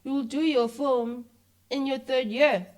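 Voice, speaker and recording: A woman's voice: high-pitched, measured pace. A young South African woman, a filmmaker guest, telling stories in a casual chat and acting out other people's voices as she goes. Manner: animated, mixes English and isiZulu, acts out voices in anecdotes.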